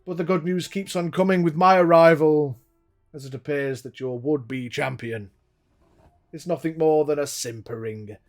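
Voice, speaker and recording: A man voicing a theatrical villainous showman whose booming voice carries across an arena, grandiose and pompous. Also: a little mellow. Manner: pompous, grandiose, quoting stagey lines. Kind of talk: tabletop game master voicing a character.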